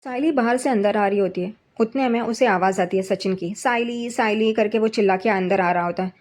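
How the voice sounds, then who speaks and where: A woman's voice: fairly quick, a little mellow. A woman casually narrating an episode recap in a conversational way. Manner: conversational, reads characters' quotes with slightly raised pitch. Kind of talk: casual spoken retelling of a TV serial episode.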